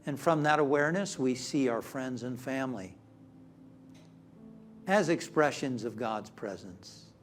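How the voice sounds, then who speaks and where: Slow, calm man leading guided meditation. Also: medium pitch. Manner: calm, measured, with long pauses. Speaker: meditation leader. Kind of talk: guided meditation, spiritual affirmations. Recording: music behind the voice. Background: instrumental music.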